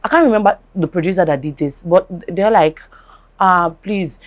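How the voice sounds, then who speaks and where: A woman with a Nigerian accent hosting a casual talk show, talking in an animated way, repeating herself and asking if you follow. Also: fairly low pitch, fast. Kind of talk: casual chat.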